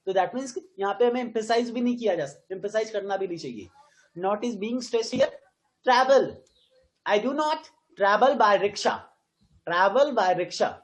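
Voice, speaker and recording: A woman with an Indian accent teaching an English grammar class, switching between Hindi and English and slowing right down to model stressed words. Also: medium pitch, a little mellow, poor audio. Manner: quizzes the students with frequent questions.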